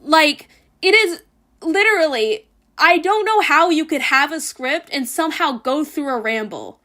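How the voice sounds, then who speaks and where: A woman's voice: sits high, expressive, measured pace, bright, forceful tone. A woman streamer giving blunt, profane reaction commentary, ranting and mocking with sarcastic mimicry.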